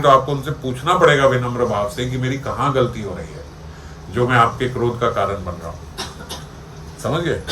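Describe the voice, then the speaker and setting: A man's voice: mid-range voice, pushed and bright, a little hiss or hum. A man as a spiritual teacher giving a devotional discourse, explaining through everyday examples and checking that listeners follow. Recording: echoey room with faint ambience.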